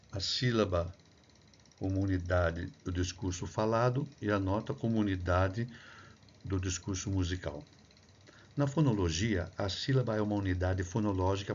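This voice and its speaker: A man's voice: lowish voice, a little mellow, muffled recording, slight background noise. A man from Brazil giving a recorded lecture on phonetics and music. He explains the material step by step, sounds out sample syllables aloud, and often checks in with a tagged "né?". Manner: explanatory, demonstrates syllables aloud, frequent "né?" tag. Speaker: music researcher and clarinet teacher.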